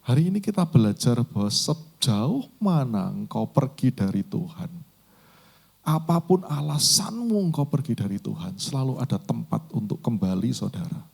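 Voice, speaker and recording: A man's voice: medium pitch, sing-song, normal speed, vocal fry, darkish tone, slightly rough. A man preaching a sermon. He tells a story vividly and addresses the congregation directly. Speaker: pastor.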